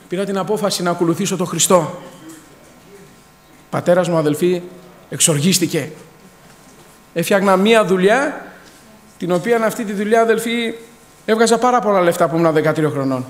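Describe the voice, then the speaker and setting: Fervent high-voiced man in an echoing hall. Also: pauses often. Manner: fervent, punctuated with hallelujahs and addresses to the brethren. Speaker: church member giving testimony. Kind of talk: testimony in church. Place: church hall. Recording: long hall reverb.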